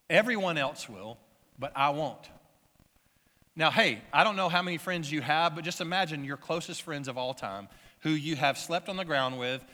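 A man's voice: fairly high pitch, bright, forceful tone, long reverb tail. A man preaching a sermon as pastor, telling the story in a conversational way and asking his listeners questions.

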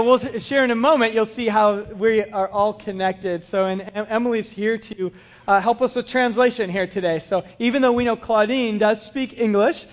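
A man hosting a church service, introducing guests in a relaxed, chatty way. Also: high-pitched, dull audio. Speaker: church host. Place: church sanctuary.

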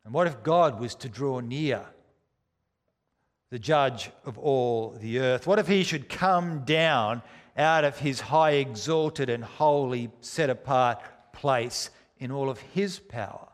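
A man preaching a sermon with dramatic, deliberate emphasis, using rhetorical questions and repetition. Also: medium pitch. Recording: echoey hall with long reverb.

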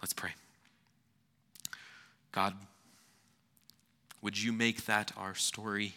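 A man preaching a sermon in an earnest, rhetorical manner, with deliberate pauses and repeated phrases for emphasis. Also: fairly low pitch, little pitch movement, bright, forceful tone. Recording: reverberant hall.

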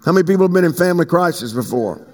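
A man preaching a fervent sermon as pastor, swinging from booming shouts to hushed asides. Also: lively intonation, very fast. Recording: long hall reverb.

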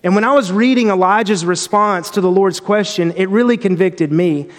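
A man with a high voice gives a devotional Bible teaching in an earnest, reflective way. He often restarts his phrases. A long reverb trails after his voice. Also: moderate pace.

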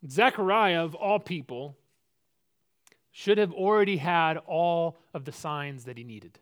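High-voiced conversational preacher, a man. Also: unhurried. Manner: conversational preaching, repeats words when restarting; poses rhetorical questions. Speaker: pastor. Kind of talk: sermon.

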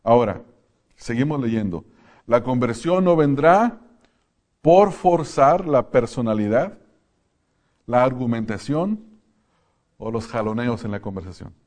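A man preaching a sermon in a church, earnest, moving from quiet asides to loud, emphatic outbursts. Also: mid-range voice, expressive, unhurried, long pauses.

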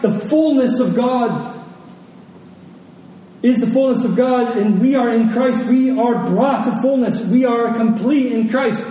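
Here a man with a very high, mellow voice preaches to a congregation, emphatic and fond of repeating phrases for effect. A distant microphone in a very echoey hall picks him up, along with faint noise.

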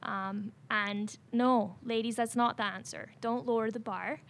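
Animated woman telling a story. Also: a little high, a little slow. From Barbados. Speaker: podcast co-host. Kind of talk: casual storytelling.

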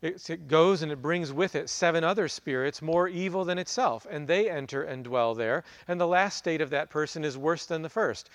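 Pastor, male, slightly higher voice, dry close recording, reads scripture then teaches conversationally. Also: no room sound. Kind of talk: sermon with scripture reading.

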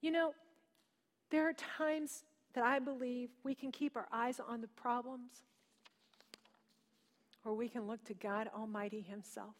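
A woman's voice: a little high, steady tone, unhurried, pauses often. A woman pastor preaching a sermon, moving from storytelling into impassioned exhortation. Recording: long reverb of a large hall.

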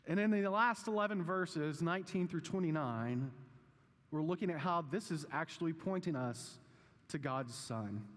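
A man, perhaps thirties or forties, preaching as a pastor in a conversational teaching style, with measured, deliberate phrasing and questions to his listeners. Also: high-pitched. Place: large reverberant room, preaching live. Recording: long reverb of a hall.

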